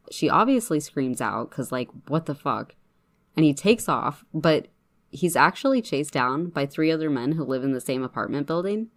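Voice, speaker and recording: A woman hosting a true crime podcast, telling the case in a chatty, profane way with sarcastic asides. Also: sits low. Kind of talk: casual true crime storytelling.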